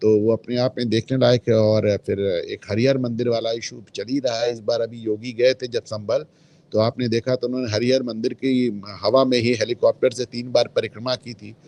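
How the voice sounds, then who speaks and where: A man's voice: medium pitch, little pitch movement, moderate pace, darkish tone, no room sound. A man speaking as a guest in a political discussion, emphatic and opinionated, dropping English phrases into his talk. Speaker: guest commentator.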